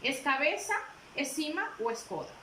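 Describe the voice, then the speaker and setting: Very animated, a woman teaching a class explains things patiently, says them more than once, and tests her listeners with questions. Her voice is high and bright, her delivery unhurried. The recording has a spacious feel and soft background noise.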